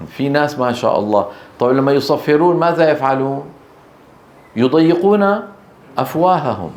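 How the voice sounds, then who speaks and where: A man's voice: mid-range voice, a little mellow. Man teaching Quran recitation. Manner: drawn-out letter demonstrations, quizzing students. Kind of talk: tajweed lesson with call-and-response drills. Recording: echoey room, faint background noise.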